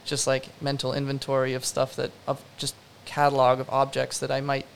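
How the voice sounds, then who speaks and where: A man's voice: mid-range voice, completely flat delivery, fairly quick, gravelly, slight background noise. A young man, a production designer, answering interview questions in a rambling, casual way full of fillers and self-deprecating asides.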